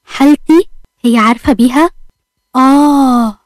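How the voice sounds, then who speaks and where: A jealous, hot-tempered young man, as a woman reads him in an Egyptian Arabic accent, throwing out sharp, accusing questions. The voice sits fairly high and mellow. It is recorded close and dry. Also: steady tone, a little fast, no room sound, close to an everyday voice. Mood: angry.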